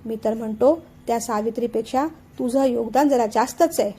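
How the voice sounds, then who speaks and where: A woman voicing an older father-in-law who stammers and placates in a family audiobook story, in a high, mellow voice. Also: brisk, slightly rough. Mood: placating. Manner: hesitant, placating.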